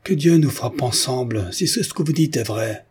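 A proud, dignified widow faces down a mob in a spoken story, as a man reads her in a raised, husky voice. She sounds indignant and unbending. The tone is low and dark underneath. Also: normal speed. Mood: defiant. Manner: trembling with indignation, then steady.

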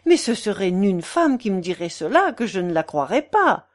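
A woman voicing a gossipy, meddling middle-aged concierge in a storybook reading, with a shrill, wheedling, theatrical manner. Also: very animated, moderate pace, natural voice. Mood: coaxing.

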